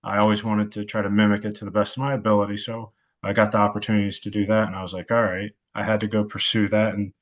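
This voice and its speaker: A man in his thirties, a football coach and podcast guest, speaking reflectively and haltingly with many filler sounds. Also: fairly low pitch, little pitch movement. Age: 30s. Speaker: wide receivers coach. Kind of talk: podcast interview.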